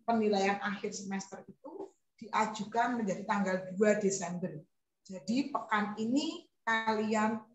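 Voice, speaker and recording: A woman primary school teacher, giving a chatty classroom lesson and acting out her pupils' lines. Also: medium pitch. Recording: echoey room, voice from far off.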